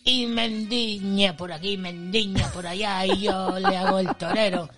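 A woman's voice: medium pitch, fairly even intonation, unhurried, music in the background, lightly acted. A woman playing Ramón, a crude middle-aged man who boasts, swears and speaks bluntly. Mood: boastful.

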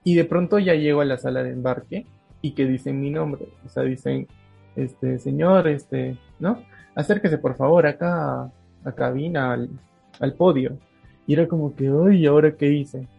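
A man with a gravelly, husky voice tells a story in a relaxed chat, acting out each line of dialogue with lots of laughter. The sound is dull and lo-fi, with faint music underneath. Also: medium pitch, normal speed. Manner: animated, acts out dialogue, laughs often.

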